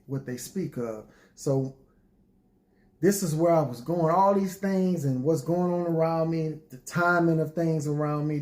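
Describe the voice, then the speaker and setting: A man with a mellow, dark voice at a middle pitch talks informally to his listeners. He is reflective and folksy, with a bit of a preacher's manner. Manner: folksy, preacherly, often addresses listeners as y'all. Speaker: poet addressing an audience.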